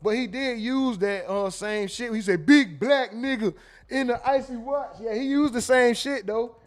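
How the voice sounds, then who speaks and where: A man hosting a casual livestream, reading viewer comments aloud and reacting with quick asides and laughter. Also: very high-pitched. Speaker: livestream host reading super chats.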